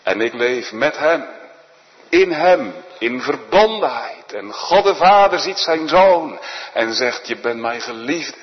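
A man preaching a sermon in a solemn, earnest manner, often dropping to a hushed voice. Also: on the high side, very animated, slow. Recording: dull echoey church recording.

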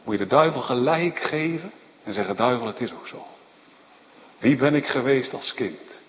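A man preaching a sermon in speech, animated and emphatic, often asking his listeners short questions. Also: medium pitch, moderate pace. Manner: animated, rising to emphatic outbursts, frequent tag questions. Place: church. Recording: dull lo-fi recording in a reverberant hall with faint background noise.

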